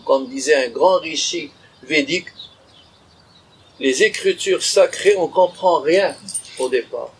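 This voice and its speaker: A man giving a spiritual conference lecture, animated and acting out little inner dialogues while calling his listeners habibi. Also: fairly high pitch, a little hiss or hum, low-quality recording. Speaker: conference speaker.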